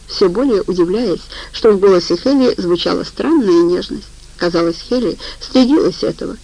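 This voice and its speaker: A woman reading an audiobook in calm, even, unhurried narration. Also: medium pitch, low-quality recording. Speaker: audiobook reader. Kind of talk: scripted narration.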